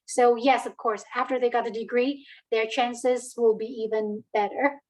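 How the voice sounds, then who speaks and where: High-voiced woman, hesitant and chatty. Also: steady tone, moderate pace, a little mellow, low-quality recording. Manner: hesitant, many fillers and restarts. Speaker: alumna guest. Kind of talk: casual interview answers.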